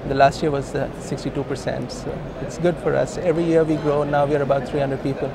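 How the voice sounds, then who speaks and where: A man in his thirties with an Indian accent is interviewed as a company co-founder at a busy hosting industry event, speaking informally and emphatically in a conversational business interview. His medium-pitched, gravelly voice stays fairly flat and runs a little fast. A crowd can be heard behind him, and the noisy venue adds traffic-like ambient sound.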